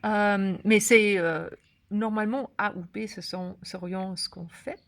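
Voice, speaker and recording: A woman from Germany with a German accent gives an unscripted app tutorial in broken, halting French, searching for words. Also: medium pitch, fairly bright tone, slight background noise. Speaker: course creator and app instructor.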